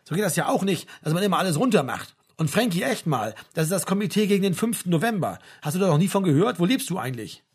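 A man's voice: high-pitched, big pitch swings, fast, few pauses, slightly rough, heavily acted. A man reading a novel aloud, voicing an earnest, insistent male ex-activist. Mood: irritated. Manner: insistent, worked up.

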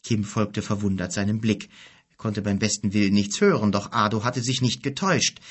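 A man reads a storybook aloud in a calm, even storytelling manner. His voice is low and slightly husky, with a steady, unhurried delivery. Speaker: audiobook narrator. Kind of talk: scripted storybook narration.

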